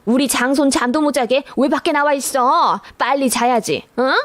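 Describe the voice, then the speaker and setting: A woman's voice: normal speed, no room sound, close to an everyday voice. A woman voicing a pushy older mother-in-law who nags and bosses her daughter-in-law around. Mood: insistent. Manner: bossy, nagging, shrill when angry.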